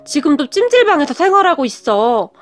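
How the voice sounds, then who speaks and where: A destitute mother begs, her high voice slow and tearful, as a woman reads her part in a storybook narration. She sounds pleading and worn down. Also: big pitch swings, soft background music. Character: destitute pleading middle-aged birth mother.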